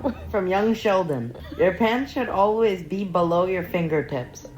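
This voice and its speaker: A woman's voice: medium pitch, animated, measured pace, a little mellow, low-quality recording. A woman playing a finish-the-sentence game, giggling and blurting out guesses. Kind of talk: casual party game.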